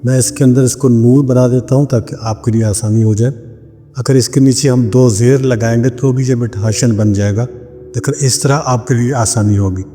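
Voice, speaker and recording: Male spiritual teacher from Pakistan, warm low-key tone, deliberate dictation with repeated words, long reverb on the voice. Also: fairly even intonation. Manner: slow, deliberate dictation, repeating each word several times. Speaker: spiritual practitioner teaching a ritual. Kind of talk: instructional talk. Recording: long reverb with faint background music.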